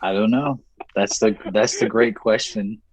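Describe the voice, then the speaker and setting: A man's voice: fairly low pitch, fairly even intonation, measured pace, no echo, rough recording. A young man co-hosting a casual podcast, making wry joking remarks. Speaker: podcast co-host. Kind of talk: casual chat.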